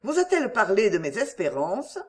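Woman doing polite young marquis, formal and lively. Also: mid-range voice, normal speed, natural voice. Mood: courtly. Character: courteous young nobleman suitor.

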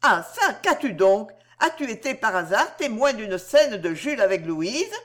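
A woman reading the part of an older countess and worried mother in a story, brisk and reproachful. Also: a little high, sing-song.

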